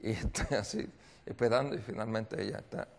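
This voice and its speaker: A man's voice: lowish voice, fairly quick, gravelly. A male pastor preaching a seminar sermon, telling a story and repeatedly quizzing his audience with call-and-response questions. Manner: storytelling with acted voices.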